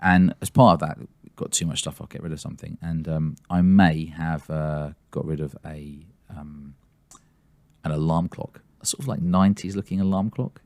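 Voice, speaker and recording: A man's voice: extremely low pitch, fairly even intonation, moderate pace, a little mellow, no room sound. A man co-hosting a podcast, chatty and rambling, laughing often as he talks. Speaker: podcast co-host. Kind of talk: casual chat.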